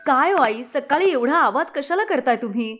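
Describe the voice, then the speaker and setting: A woman's voice: a little high, normal speed, natural voice. A woman voicing a spoiled, rude young city daughter-in-law who scolds and complains sharply. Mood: angry.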